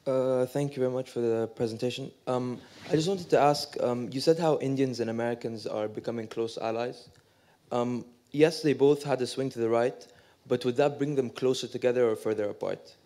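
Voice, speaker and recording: A man's voice: mid-range voice, a little fast, mellow. A man tentatively asking a question from the audience at a lecture, with filler sounds.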